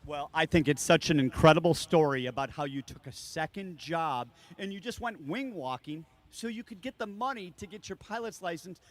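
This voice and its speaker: A man's voice: fairly high pitch, moderate pace, few pauses. A man hosting a live air show, gushing and enthusiastic as he talks to the crowd and interviews performers.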